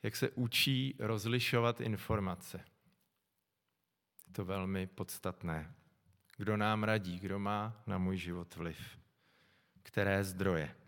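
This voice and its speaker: A middle-aged man preaching a sermon, calm and reflective, often pausing to think aloud. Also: low-pitched. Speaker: pastor. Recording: long echo from a large hall.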